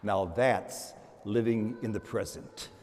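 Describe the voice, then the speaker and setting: An older American priest with a lowish, steady, slightly mellow voice preaches slowly to a congregation. His homily uses storytelling, emphatic repetition and rhetorical questions, recorded in a reverberant church hall with slight background noise.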